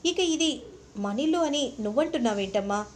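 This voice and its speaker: A woman reads out a stern middle-aged mother, firm and dismissive. The tone is fairly high, with a faint hiss under it. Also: expressive, moderate pace.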